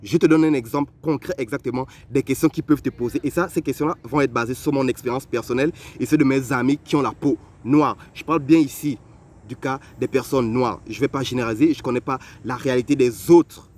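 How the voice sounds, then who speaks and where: A young man from Africa telling personal stories to the listener in a lively, conversational way. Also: medium pitch, brisk. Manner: animated, conversational, addresses the listener directly. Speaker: vlogger. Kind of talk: personal storytelling.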